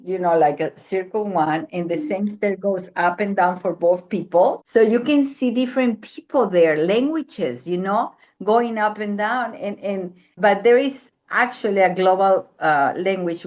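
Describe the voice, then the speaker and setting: Woman telling a travel story, lively and halting, lots of you knows, mid pitch. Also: rough recording. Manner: animated, halting, many fillers and restarts. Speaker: guest aunt. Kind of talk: casual storytelling chat.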